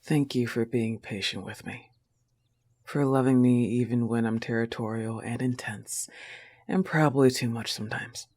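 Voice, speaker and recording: Here the young woman's wolf-girl girlfriend, affectionate, possessive and teasing, comes through in a bass voice at normal speed, a little mellow. The intimate roleplay stays tender, earnest and often breathy.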